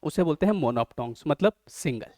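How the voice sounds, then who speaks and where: A man's voice: a little high, animated, normal speed, dark tone, dry recording, studio quality. A man with an Indian accent teaching an online exam-prep lesson. He explains step by step and keeps checking whether his students follow.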